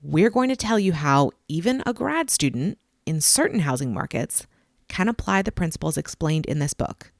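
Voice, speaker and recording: A woman hosting a podcast, reading a clearly enunciated, upbeat scripted intro and then interviewing a guest. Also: sits low, lively intonation, moderate pace, dry recording, studio quality. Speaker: podcast host.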